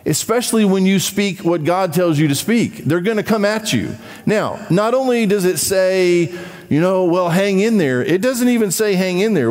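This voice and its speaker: Man, pastor, emphatic sermon, somewhat high voice, long church reverb. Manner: emphatic, animated preaching with asides. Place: church sanctuary.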